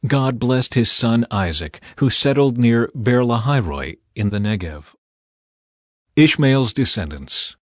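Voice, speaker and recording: Narrating scripture for a scripted audiobook, a man uses a measured, dramatic storytelling delivery at medium pitch. The studio-quality recording is dry, with music playing in the background.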